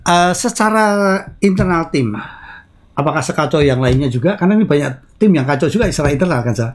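Quick-talking man asking podcast questions. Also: fairly high pitch, lively intonation. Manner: prompts his partner with quick questions. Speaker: podcast co-host. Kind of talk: casual podcast chat.

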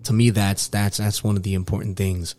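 Low-voiced, earnest man hosting a podcast. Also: flat delivery, warm tone, no echo. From New York, United States. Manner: earnest, halting with repeated phrases. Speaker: podcast host. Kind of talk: casual podcast chat.

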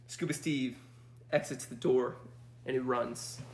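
A young man telling a story in a casual chat, animated and laughing often as he acts out quotes. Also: mid-range voice, slow pace. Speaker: podcast guest.

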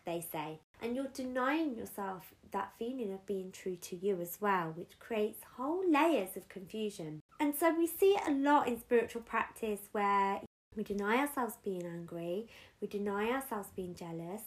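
A woman talks through spiritual guidance in an earnest, conversational way, with a voice of middling pitch. She builds her points through emphatic repetition. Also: lively intonation, moderate pace. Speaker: spiritual guide. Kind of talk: spoken spiritual guidance talk.

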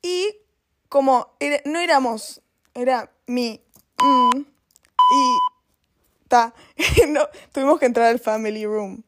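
A woman's voice: high voice, huge pitch swings, noisy background. A young woman with a Rioplatense Spanish accent, chatting casually in a rambling, giggly way full of fillers. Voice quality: giggly, bursts of laughter. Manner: fast, rambling, peppered with fillers. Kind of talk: casual chat.

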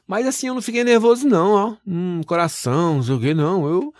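A man's voice: high-pitched, fast talker, a little mellow, no room sound. A man, working as a TV news presenter, telling his story animatedly with folksy exclamations in an interview.

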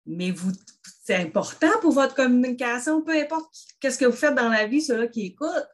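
A woman's voice: a little high, animated, moderate pace. A woman with a Québécois French accent co-hosting a podcast, speaking as a social worker. She keeps it casual and chatty and often turns to talk straight to the listeners. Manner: chatty, addresses listeners directly. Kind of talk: casual advice chat.

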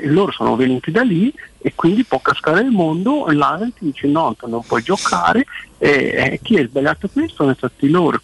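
A man with a gravelly, husky voice talks football on a radio show. He explains his points emphatically, restating words as he builds his argument. The sound is close and dry. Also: mid-range voice, no room sound, rough recording. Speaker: football pundit guest. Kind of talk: radio phone-in commentary.

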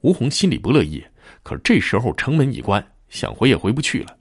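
A man narrating a ghost story in a dramatic, expressive storyteller style. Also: medium pitch, brisk, breathy edge, dry recording, studio quality.

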